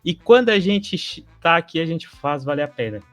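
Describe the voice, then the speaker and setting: A man hosting a podcast in a casual chat, loud and joking, with a Brazilian Portuguese accent. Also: a little high, lively intonation, normal speed, faint music behind. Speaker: podcast host.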